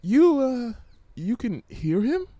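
A man doing a timid, soft-spoken pony mare. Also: extremely high pitch, big pitch swings, slow, no echo, voice pushed up, exaggerated voice. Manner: soft, hesitant, stammering. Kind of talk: fan fiction audiobook reading.

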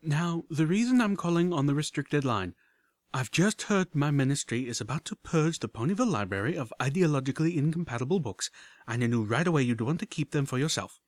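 A man's voice: on the high side, lively intonation, a little fast, no room sound, voice pushed up. A man voicing an elegant, fussy adult mare pony with a refined, affected way of talking, heard as a message played back from an old terminal. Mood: gushing. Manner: refined, affected, breezy talk. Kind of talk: audiobook character voice.

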